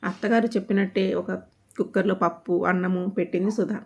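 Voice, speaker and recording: A woman's voice: mid-range voice, steady tone, brisk. A woman reading a family story aloud as scripted narration, giving the characters' lines small lifts in her voice.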